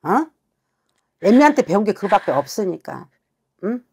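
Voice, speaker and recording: A woman's voice: medium pitch, big pitch swings, normal speed, a little mellow, husky. A woman shaman harshly scolding a client during a consultation. She swears as she berates, and keeps demanding answers. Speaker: shaman fortune teller.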